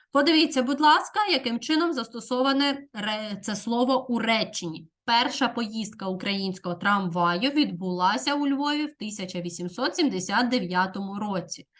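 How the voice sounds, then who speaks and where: Slow, clear-speaking woman teacher. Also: on the high side, a bit bright. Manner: slow, deliberate dictation with clear enunciation. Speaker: primary school teacher. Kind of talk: Ukrainian grammar lesson for fourth graders.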